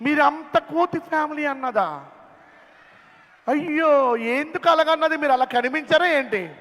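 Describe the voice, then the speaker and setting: A man hosting a children's camp skit, calling out questions to the young audience in a playful, animated way. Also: extremely high pitch, a little slow. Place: large hall at a children's camp. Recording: long hall reverb.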